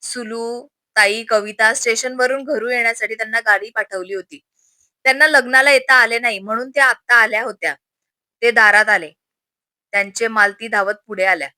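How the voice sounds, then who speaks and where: A woman storyteller narrating a scripted story in a steady, plain manner. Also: a little high, normal speed, dry recording.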